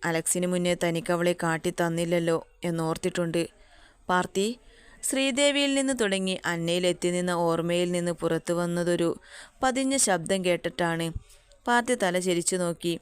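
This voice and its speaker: A woman narrating a romance story in a steady, even reading voice. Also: fairly low pitch, clean tone.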